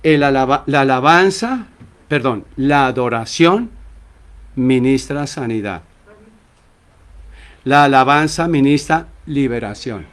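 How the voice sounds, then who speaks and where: Slow, emphatic preaching man. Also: medium pitch, lively intonation. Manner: acts out short quoted exchanges between church members. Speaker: pastor. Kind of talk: sermon.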